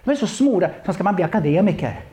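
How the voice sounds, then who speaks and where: A Swedish-accented man preaches a sermon. His voice sits fairly high and swoops widely in pitch. He repeats words, calls out loudly, then drops into quiet asides. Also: very animated.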